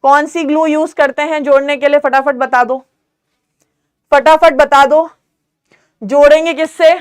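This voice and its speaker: A young woman teaching biology in a live online class, mixing English terms into Hindi, quizzing students and asking whether it is clear. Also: high-pitched, fairly even intonation, measured pace. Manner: calls students "beta", quizzes them, asks if it's clear.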